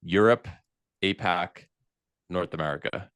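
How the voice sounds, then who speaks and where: A man's voice: low voice, unhurried, a bit bright, dry recording. A man co-hosting a podcast, explaining qualification rules in casual chat. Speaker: podcast co-host.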